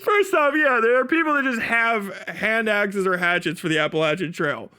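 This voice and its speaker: Speaking at normal speed, this livestream host and commentator has a high-pitched, animated voice that sounds bright, forceful, and clean. He reads aloud and riffs casually, incredulous and foul-mouthed, acting out mocking imagined dialogue.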